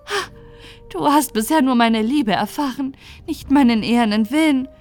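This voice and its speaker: A proud, lovelorn river nymph speaks fervently in a fairy tale audiobook, as a woman reader puts her on. Her voice sits high and rings out loudly in declamation. Faint music plays behind her. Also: normal speed, close to an everyday voice. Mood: furious.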